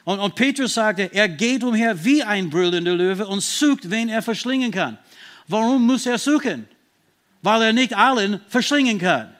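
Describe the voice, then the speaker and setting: A man preaching a sermon, stressing Bible verses slowly and emphatically, sometimes restarting as he searches for words. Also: sits high, expressive, fairly bright tone.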